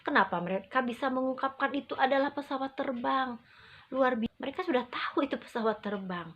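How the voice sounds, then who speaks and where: A woman gives instructional talk to parents as an early childhood educator, over-enunciating with deliberate, emphatic phrasing and short pauses. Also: high-pitched. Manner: acts out parent and child quotes. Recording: muffled, dull lo-fi audio.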